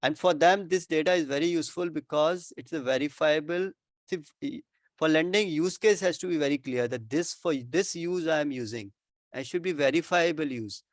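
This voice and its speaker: A man's voice: fairly high pitch, moderate pace, dry recording. Indian-accented man explaining step by step, close dry sound. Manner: repeats and rephrases, checks with "right?". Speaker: expert presenter answering questions. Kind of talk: informal explanatory Q&A with worked examples.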